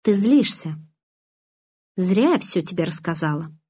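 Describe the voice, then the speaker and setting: A woman reading an audiobook, voicing a shy, curious, stubborn teenage girl in a soft, earnest manner. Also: fairly low pitch, lively intonation, unhurried, slightly rough, no room sound.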